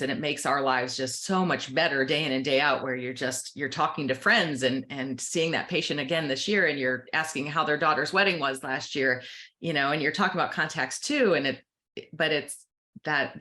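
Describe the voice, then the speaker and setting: An American-accented optometrist who owns a practice explains things earnestly as a guest in a conversational podcast interview. Her voice is mid-range, pushed and bright.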